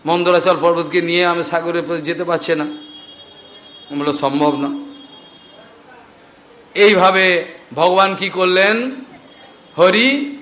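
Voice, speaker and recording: A man preaching as a storyteller, retelling a scripture tale and chanting verses slowly. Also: sits high, pushed and bright. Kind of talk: devotional storytelling sermon.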